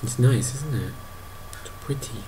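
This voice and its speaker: A man in his thirties narrating a video game to his toddler, animated, exclaiming and making playful sound effects. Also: mid-range voice, measured pace, very noisy. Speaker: parent playing a video game.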